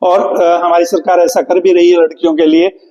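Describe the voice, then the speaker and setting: A male English teacher coaching for an exam, who asks the class questions and answers them himself, repeating key words and reading English slowly. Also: high voice, flat delivery, warm tone, big-room sound, lo-fi sound. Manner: reads English question text slowly and deliberately; calls students "beta" affectionately. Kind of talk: classroom lesson.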